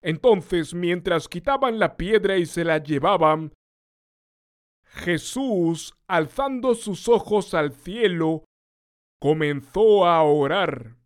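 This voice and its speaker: A man preaching a sermon, explaining a scripture passage in a deliberate, explanatory way. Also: high voice, expressive.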